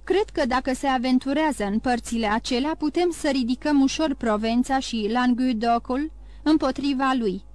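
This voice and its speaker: A woman's voice: high-pitched, a little mellow, natural voice. A woman doing a deferential young magistrate. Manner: careful, respectful.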